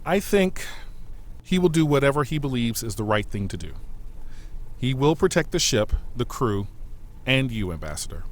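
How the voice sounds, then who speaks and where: A man voices a loyal, modest and watchful aide and bodyguard in a sci-fi audio drama, his delivery measured, formal and earnest. His medium-pitched voice is very animated yet lightly acted, with a matter-of-fact mood.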